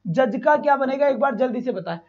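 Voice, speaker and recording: Man teaching a live online class, fairly high voice, slow repeated drilling, dull lo-fi stream. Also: lively intonation. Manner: calls students "beta", repeats and drills sounds slowly. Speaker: English teacher for exam prep.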